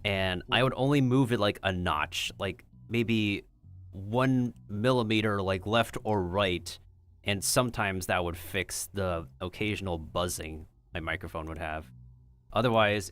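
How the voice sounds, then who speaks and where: A man's voice: low voice, normal speed, a bit bright. A man hosting a livestream, chatting casually in a rambling way peppered with filler words. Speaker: streamer and host.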